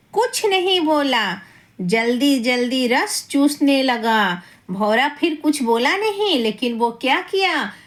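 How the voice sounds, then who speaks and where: A woman telling a children's moral story in a high voice and at a very slow, deliberate pace. She keeps repeating each line and quizzing her young listeners, the way a patient teacher reads to small kids.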